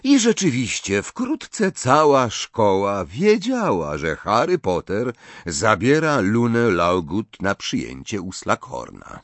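A man narrating a novel in an expressive storytelling manner, switching into many voices. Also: on the low side, takes it slowly, dry recording. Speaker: audiobook narrator.

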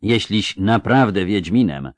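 A man's voice: on the low side, animated, measured pace, no room sound. A man doing a sneering, menacing bounty hunter. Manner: sneering, hissing. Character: ruthless older male bounty hunter, menacing.

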